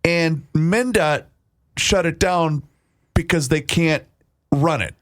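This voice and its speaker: A man's voice: a little high, slow pace, fairly bright tone. A man co-hosting a talk radio show, chatty and incredulous, often stammering as he starts a thought. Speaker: radio co-host. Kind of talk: casual talk radio banter.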